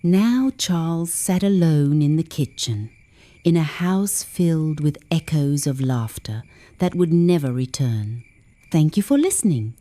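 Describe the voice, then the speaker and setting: Slow, mellow woman storyteller. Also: lowish voice. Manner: gentle, reflective. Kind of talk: scripted narration.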